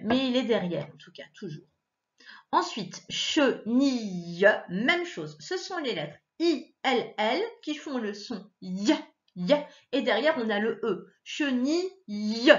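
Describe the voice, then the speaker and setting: A woman teacher giving a child a reading lesson, patiently sounding out syllables and repeating words, her pitch jumping up when she stresses a point. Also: muffled recording. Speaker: primary school teacher.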